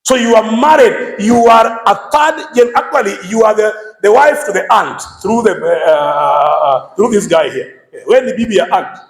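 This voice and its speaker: A man with a Kenyan accent preaching a lively sermon, switching between English and Swahili and shouting some points for emphasis. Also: sits high, normal speed, hardly any pauses, reverberant, low-quality recording. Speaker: pastor.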